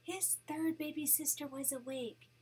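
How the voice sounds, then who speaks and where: A grandmother reads a children's story aloud to her grandchild, animated and pausing to point out the pictures. Her voice is high-pitched.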